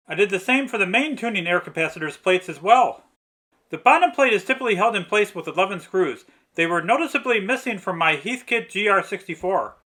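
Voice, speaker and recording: A man with a high voice and sharp tone narrates a radio restoration video. He reads a scripted, step-by-step account in precise, methodical phrasing.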